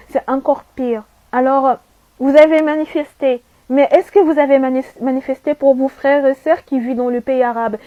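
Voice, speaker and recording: A woman's voice: high-pitched, no echo, dull audio. A young adult woman who grew up in Saudi Arabia, giving an earnest, emphatic personal testimony with repeated phrases and rhetorical questions.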